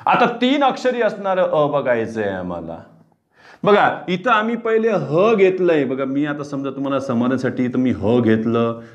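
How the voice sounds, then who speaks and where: A man teaching a pronunciation lesson, repeating words aloud slowly, stretching out sounds and answering his own questions. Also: mid-range voice. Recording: slightly dull lo-fi sound.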